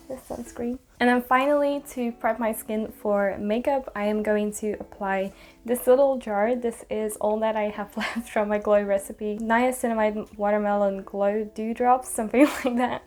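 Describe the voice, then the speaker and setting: A woman's voice: mid-range voice, gravelly, darkish tone. A woman in her twenties chatting casually through a makeup tutorial, rambling with small asides as she works. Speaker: beauty vlogger.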